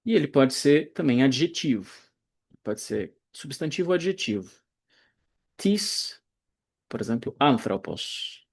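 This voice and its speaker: A man teaching Greek grammar in a recorded online lecture, explaining slowly and deliberately, pausing and correcting himself as he goes. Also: mid-range voice, animated, slightly rough. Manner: slow, deliberate explaining with pauses and self-corrections.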